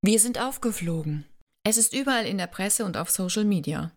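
A woman's voice: medium pitch, lively intonation, fairly quick. A woman voicing a confident, composed billionaire, reading audiobook dialogue firmly and reassuringly.

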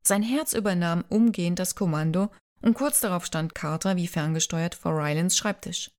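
Audiobook narrator: young adult woman, lowish voice, calm storytelling read, light character voices. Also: moderate pace. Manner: reads a romance novel, lightly voicing characters' lines. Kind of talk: scripted narration.

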